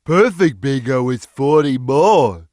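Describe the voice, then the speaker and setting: A man voicing a big, slow-witted, gentle, good-natured cartoon cat in a video game, speaking in a simple, earnest, drawn-out way. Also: mid-range voice, lively intonation, dry recording. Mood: earnest, helpful. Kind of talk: video game character voice lines.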